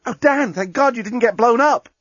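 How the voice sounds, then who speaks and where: A man's voice: high-pitched, big pitch swings, a little fast, a bit bright, slightly rough, no echo, dull audio, voice pushed up, full character voice. A man voicing a young woman who talks urgently and anxiously. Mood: flustered. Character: panicky young woman on a spaceship.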